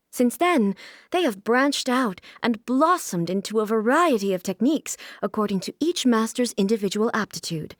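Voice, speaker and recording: An actress playing a regal, aloof immortal shogun in a video game, speaking in a formal, stately, measured way. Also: female voice, on the high side, no room sound, studio quality, close to an everyday voice. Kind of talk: scripted video game character voice lines.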